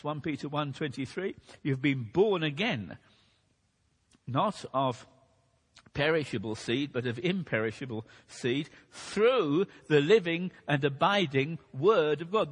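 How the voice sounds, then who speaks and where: A man preaching a sermon in a measured teaching manner, losing his voice a bit. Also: on the high side, fairly bright tone, husky. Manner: measured teaching delivery, occasional restarts. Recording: long hall reverb.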